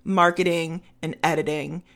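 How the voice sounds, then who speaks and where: A woman's voice: low-pitched, little pitch movement, moderate pace, a bit bright. A woman co-hosting a casual podcast, chatting about a book with lots of "like" and "um". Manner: chatty, full of "like" and "um". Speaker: podcast co-host discussing a book. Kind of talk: casual chat.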